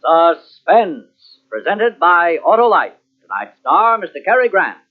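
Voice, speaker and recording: A male announcer of old-time radio speaks in a high, lively, dramatic voice. His delivery is polished, and the recording is tinny with faint music behind. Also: a little slow. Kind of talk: 1940s-50s radio program announcing.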